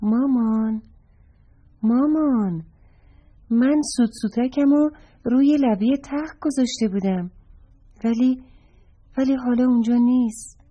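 A woman's voice: long pauses, warm tone, breathy edge. Woman doing a whiny little boy. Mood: sad. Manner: high childlike voice. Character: little boy, sad then cheerful. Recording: dull lo-fi recording.

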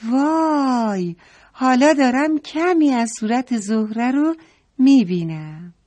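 A woman voicing a curious, excited young girl in a children's story. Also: medium pitch, natural voice. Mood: excited wonder. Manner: eager, exclaiming.

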